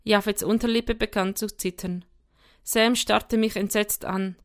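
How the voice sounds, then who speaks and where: A woman reading a first-person story aloud in a lively, expressive way. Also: medium pitch, measured pace. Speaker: audiobook reader. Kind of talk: first-person scripted narration.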